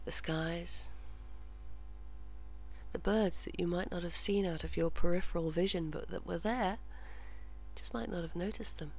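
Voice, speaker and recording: A person softly delivering guided relaxation and verse in a soothing, measured way, slipping in and out of a whisper. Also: medium pitch, steady tone. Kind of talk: slow guided relaxation and soft poetry reading, often whispered. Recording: clearly audible hum and background noise.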